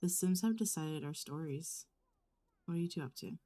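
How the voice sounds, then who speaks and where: A woman's voice: sits low, animated, normal speed, warm tone. A woman giving let's play commentary on a life-simulation game, telling its story with dramatic exasperation.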